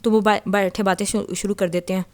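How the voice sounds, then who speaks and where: A woman's voice: mid-range voice, level tone. A woman casually retelling a novel as a storyteller, chatty and loose, with frequent fillers and restarts.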